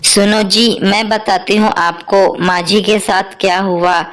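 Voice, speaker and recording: A woman voicing a dutiful, excitable young daughter-in-law in a cartoon story, chatty and exclaiming. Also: medium pitch, slow pace, natural voice.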